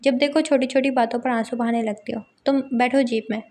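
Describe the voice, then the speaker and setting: A woman's voice: fairly high pitch, steady tone, brisk, a little mellow, close to an everyday voice. A woman reading a teasing, bossy young man. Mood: teasing, insistent. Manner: teasing, domineering. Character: brash young male university don.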